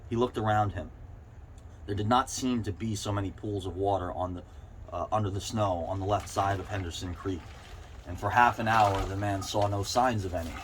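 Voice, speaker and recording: A man's voice: on the low side, fairly even intonation, normal speed. A man reading a short story aloud, stumbling slightly over words now and then. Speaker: reader. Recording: clearly noisy background ambience.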